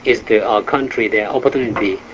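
A man's voice: fairly low pitch, noisy background. Interpreter man in dull field audio. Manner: halting, simple phrasing with grammar slips. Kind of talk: first-person interpretation of an interview.

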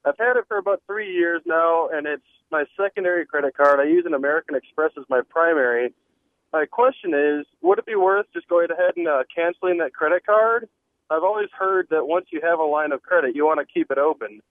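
A man phones in to a radio show, and his voice comes through a thin, tinny phone line with no room around it. He sits a little above the usual male pitch. He asks his question politely, pausing on fillers. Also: dry recording. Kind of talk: call-in question. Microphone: telephone.

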